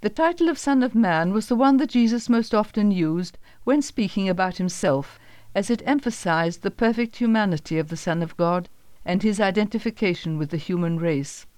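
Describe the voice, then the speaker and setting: A woman giving a calm, even scripted narration of a Bible story on a close microphone. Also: mid-range voice, moderate pace, hardly any pauses, no echo.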